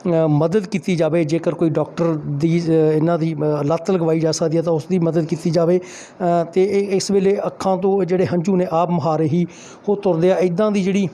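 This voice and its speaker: A man's voice: a little high, fairly even intonation, moderate pace, dark tone. A news reporter interviewing a woman and commenting at length, hesitant with many restarts.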